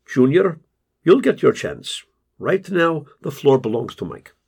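A man voicing a calm, soft-spoken male group therapist who speaks in a measured, gently probing way. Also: on the high side, gravelly, breathy edge, full character voice.

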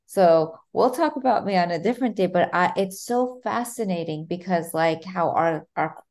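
A woman's voice: on the low side, normal speed, a little mellow. A woman hosting an interview podcast, eager and enthusiastic with her guest. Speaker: podcast host. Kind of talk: scripted intro, then interview chat.

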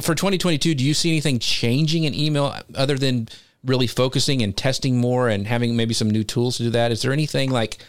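A male host with a medium-pitched voice in a dry, close recording. He chats casually and feels his way through long, informal questions, poking fun at himself. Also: dry recording. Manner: informal, self-deprecating, meandering questions. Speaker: interviewer, show host. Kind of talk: casual live-show chat.

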